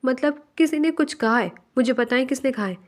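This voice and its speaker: A woman doing a storybook male boss, soft and coaxing, high voice. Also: animated, moderate pace. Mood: concerned. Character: male office boss, caring then menacing.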